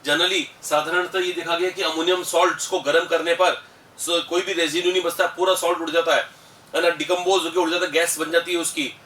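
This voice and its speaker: A man's voice: a little high, flat delivery, brisk, bright, forceful tone. A middle-aged man with an Indian accent teaching a chemistry lesson, explaining steps patiently and calling his students beta. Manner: explanatory, addresses students as beta, mixes English terms. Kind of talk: classroom lecture. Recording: echoey room, mic at a distance, faint hiss.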